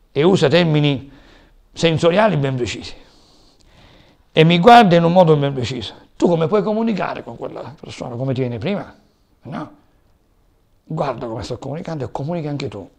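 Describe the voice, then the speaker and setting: A man's voice: on the high side, vocal fry. A man lecturing a class on communication, explaining term after term with frequent hesitations.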